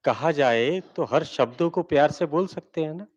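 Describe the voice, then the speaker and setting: A man with an Indian accent giving a spiritual talk to a live audience, slow and coaxing, asking listeners to repeat phrases. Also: a little high, dull audio. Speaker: spiritual speaker.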